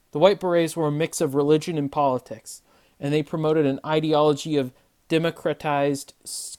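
A true crime narrator hosting a podcast, reading a scripted story in a measured way. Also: mid-range voice, darkish tone.

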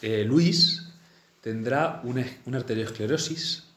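A man's voice: mid-range voice, unhurried, fairly bright tone, a little hiss or hum. A man telling a saint's life, reading passages and chatting about them with many fillers and restarts. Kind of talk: storytelling talk mixing reading and comment. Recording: roomy echo.

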